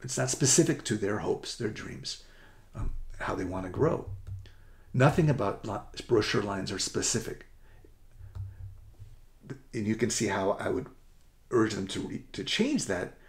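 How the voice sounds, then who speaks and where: A middle-aged man giving an upbeat, rushed presentation as a college essay coach, often correcting himself mid-sentence. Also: fairly low pitch. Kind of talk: presentation to parents and students.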